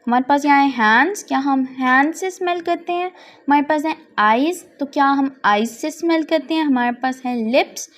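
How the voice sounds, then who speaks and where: A woman's voice: high voice, normal speed. A woman teacher, patiently explaining quiz answers, repeating each question and translating the English lines. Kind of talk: slow tutorial narration over slides.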